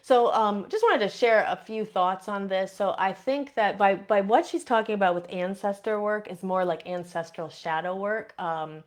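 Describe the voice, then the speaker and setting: A woman's voice: medium pitch, normal speed, few pauses. A woman with a Midwestern accent touched by years in Boston, hosting a casual live stream and reading out viewers' comments. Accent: Midwestern with a Boston influence. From Indiana. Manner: chatty, warm, reads out viewer comments, many fillers. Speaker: podcast host.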